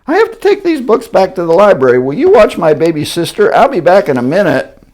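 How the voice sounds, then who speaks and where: A man voicing a hurried young girl, rushed and shrill. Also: big pitch swings, a little mellow.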